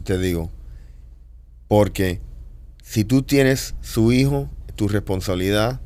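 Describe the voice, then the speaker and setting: A man's voice: on the low side, slow pace, darkish tone. A man in a casual podcast debate who argues emphatically and keeps calling others "brother". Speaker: podcast co-host.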